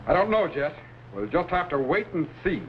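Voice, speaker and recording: Authoritative time-machine captain and mentor, higher-pitched, vintage serial style, dull noisy sound. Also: male voice, sing-song, moderate pace. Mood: calm, explaining. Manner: authoritative, explanatory. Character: commanding, resourceful time-travelling captain and mentor. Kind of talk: 1950s television adventure serial acting. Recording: muffled old broadcast with faint noise.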